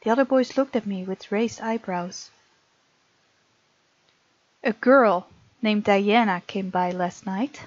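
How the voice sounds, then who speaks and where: This woman speaks slowly at a medium pitch, pausing often, with no room sound. As a gaming video host doing a let's play, she reads game text and chats loosely about the story while game music runs under her muffled lo-fi mic.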